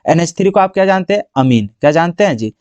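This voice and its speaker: A man's voice: on the high side, animated, quick pace, darkish tone, no room sound. A man teaching a chemistry lesson for board exam prep, constantly asking the class questions and answering them himself. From Jharkhand, India.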